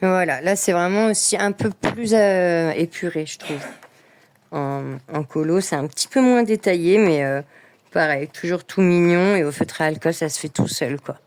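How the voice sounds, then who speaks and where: Chatty woman, lowish voice. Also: normal speed, a little mellow. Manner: chatty, enthusiastic, lots of fillers. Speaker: coloring book vlogger. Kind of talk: casual vlog chat.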